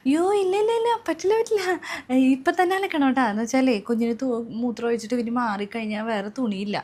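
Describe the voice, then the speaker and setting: A woman's voice: on the high side, fast talker, a little mellow, close to an everyday voice. A woman playing a demanding young new mother who orders her sister-in-law around in a comedy sketch. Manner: bossy, whiny, insistent.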